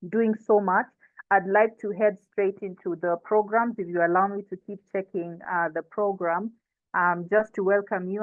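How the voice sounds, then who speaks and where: A woman from coastal Kenya, with a Kenyan accent, informally hosts and moderates an online session, introducing the panelists. Her voice is medium-pitched with no echo, carried over thin, phone-like online call audio.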